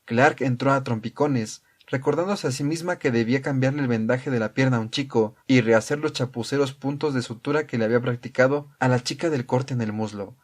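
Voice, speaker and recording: A man narrating an audiobook in a calm, measured reading style. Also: medium pitch.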